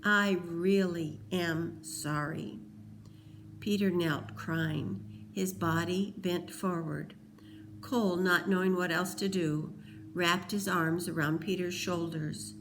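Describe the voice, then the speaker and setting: A woman reading a novel aloud, in a slow, deliberate storytelling manner. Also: on the low side, fairly even intonation, slight background noise, poor audio. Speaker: audiobook reader.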